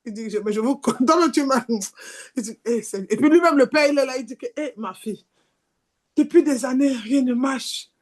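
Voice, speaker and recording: High-voiced woman preaching a sermon. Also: normal speed. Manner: animated, shifts between shouting and near-whispers, acts out voices.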